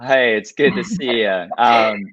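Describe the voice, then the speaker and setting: A man hosting an interview, speaking politely and haltingly with many fillers. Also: medium pitch, a bit bright, no echo, lo-fi sound. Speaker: interview host.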